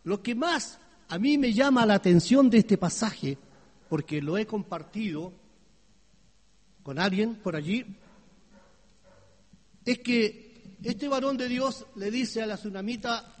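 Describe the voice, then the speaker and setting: High-voiced preacher in a reverberant hall. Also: male voice, slow, long pauses. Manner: swings between hushed low tones and loud high exclamations; asks the congregation questions. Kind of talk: sermon.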